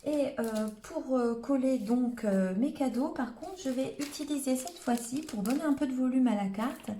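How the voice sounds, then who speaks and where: A woman with a northern French Hauts-de-France accent talks her way through a live crafting demonstration, narrating every step and leaning on "hop" and "voilà." She speaks at a normal speed in a high voice with a dark tone. Slight background noise and a roomy echo color the audio.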